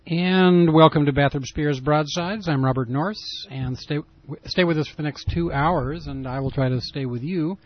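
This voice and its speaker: A man's voice: fairly high pitch, normal speed, dry recording. A man hosting a pirate radio broadcast in casual, rambling talk full of fillers, with a lo-fi broadcast sound. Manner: rambling, loose delivery with many fillers. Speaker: radio show host.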